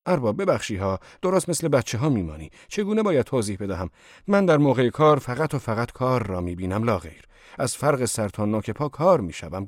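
A man reading the part of a hot-tempered older mine foreman in an audiobook, in a rough, hoarse voice and a blunt, emphatic manner. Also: medium pitch, no echo, studio quality, natural voice.

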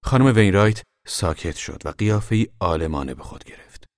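A man reading a novel aloud as scripted narration, measured, dropping low and soft in descriptive passages. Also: lively intonation, no room sound, studio quality. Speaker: audiobook narrator.

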